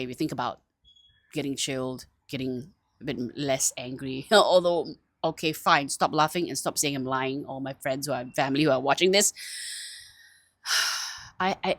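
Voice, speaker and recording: A low-pitched woman chats to camera in a lively, self-mocking way, breaking into laughter often. Her voice sounds dry and close, with no room echo. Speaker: vlogger. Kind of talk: casual chat to camera.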